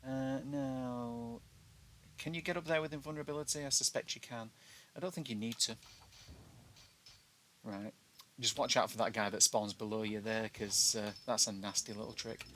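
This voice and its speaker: British guy doing a chatty game walkthrough, drops his t's with glottal stops, bright voice, bit of noise behind him. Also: mid-range voice, fairly even intonation, moderate pace, long pauses. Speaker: video game player giving a walkthrough. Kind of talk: casual gameplay commentary. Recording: noticeable background noise.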